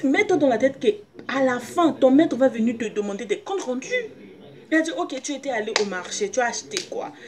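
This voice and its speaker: A woman's voice: high voice, lively intonation, fairly quick. A woman preacher in gives a personal, insistent sermon, repeating phrases and questions and often groping for words. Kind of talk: personal video sermon, exhorting listeners.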